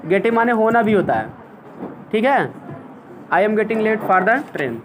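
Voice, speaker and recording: A man from India with a fairly high voice teaches a class, walking through grammar step by step and dictating English sentences slowly. He asks the class questions as he goes. Faint noise sits under the recording. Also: sing-song. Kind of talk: classroom lesson.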